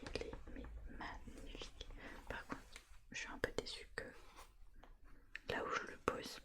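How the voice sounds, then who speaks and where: A woman softly whispering right in your ear in a casual ASMR show-and-tell, with a gushing, enthusiastic manner. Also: measured pace. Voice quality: soft, unvoiced whisper. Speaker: ASMR YouTuber.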